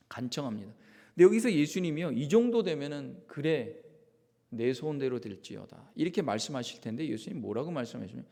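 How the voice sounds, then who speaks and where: A man's voice: mid-range voice, gravelly, darkish tone. A male pastor preaching a Sunday sermon with emphasis and drama, acting out the voices of the people he talks about, recorded in a church sanctuary. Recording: long church-hall reverb.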